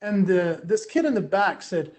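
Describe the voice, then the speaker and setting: A man giving a playful, energetic motivational keynote full of personal stories. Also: sits high, normal speed. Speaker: keynote speaker.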